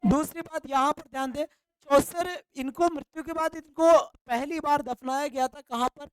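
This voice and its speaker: A woman's voice: high voice, fairly even intonation, normal speed, no room sound, poor audio. A woman teacher giving an exam-prep literature lecture when she speaks English, repeating key points and asking the listener questions.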